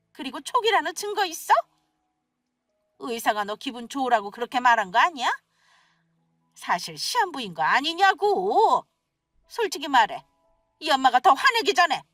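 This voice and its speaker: A woman voicing a shrill, scolding older mother-in-law in a radio story, with a nagging, accusing manner. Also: bright, forceful tone, no echo, studio quality, recorded from a distance, heavily acted. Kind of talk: scripted radio story acting.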